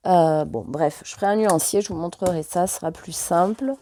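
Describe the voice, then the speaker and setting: A woman's voice: on the low side, moderate pace, warm tone, slight background noise. A French woman vlogger chatting casually and hesitantly, full of fillers, while showing her purchases. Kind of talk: casual chat.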